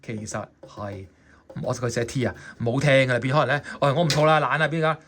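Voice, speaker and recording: A man's voice: medium pitch, fast, fairly bright tone. A man with a Hong Kong Cantonese accent, teaching saxophone in a chatty way and often checking in with his students. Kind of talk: explaining a score in a music lesson.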